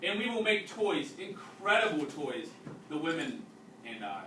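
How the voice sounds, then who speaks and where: With a fairly high voice and big swings in pitch, a man reads a story aloud as a teacher. He explains it and stops to quiz the young students. A distant mic gives the recording a roomy sound with faint noise.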